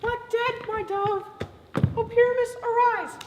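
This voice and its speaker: A woman acting a young bellows-mender who plays a grieving heroine, shrill and overwrought. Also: steady tone, measured pace. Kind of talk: live stage acting. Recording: echoey hall from far off, loud noise.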